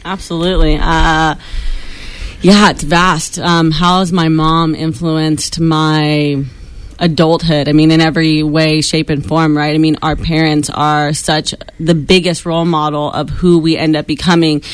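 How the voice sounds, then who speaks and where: Guesting on a studio interview, a young female radio host talks fast and chattily, breaking into laughter frequently. She has a deep, smooth voice that doesn't move much in pitch.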